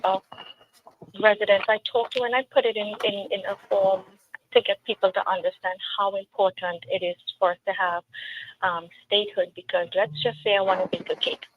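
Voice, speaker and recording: Over a tinny phone-style line carrying faint noise, a woman with a Trinidadian accent responds to an interviewer as a political candidate. She is earnest and emphatic, adding little storytelling asides. Her voice sits in the mid-range, steady and moderately paced.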